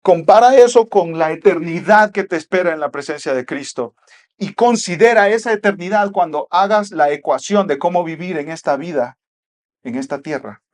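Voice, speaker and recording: A male pastor preaching with a notably high voice. He hammers home his points with repeated rhetorical questions. He drops from forceful lines to near-whispered ones. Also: moderate pace. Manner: emphatic, repeats rhetorical questions, swings from loud to hushed. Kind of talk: sermon.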